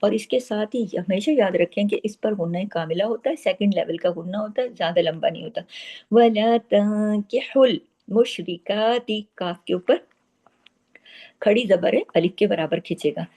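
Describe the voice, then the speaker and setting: Mellow-voiced woman teaching tajweed. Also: on the low side, breathy edge. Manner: explains step by step, then recites words slowly and drawn out; asks the listener quick questions and answers them herself. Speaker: Quran recitation teacher. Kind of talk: tajweed lesson with slow demonstrated recitation.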